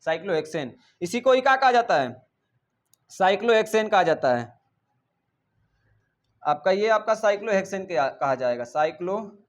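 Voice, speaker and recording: High-voiced guy teaching chemistry, keeps asking the class questions and scolds them. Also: lively intonation, normal speed, long pauses. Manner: drills students with repeated questions, scolds them.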